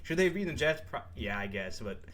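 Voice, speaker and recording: A man's voice: mid-range voice, very animated, fast talker, a bit bright, a little hiss or hum. A young man co-hosting a sports podcast, chatting casually and rambling with lots of fillers and laughs. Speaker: podcast co-host.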